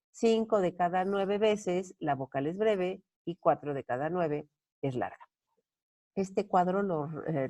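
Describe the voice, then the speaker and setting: A woman's voice: on the low side, mellow. A woman with a Mexican Spanish accent, a university lecturer recording an online lecture. She explains step by step, puts questions to her viewers and answers them, thinking aloud with fillers and self-corrections.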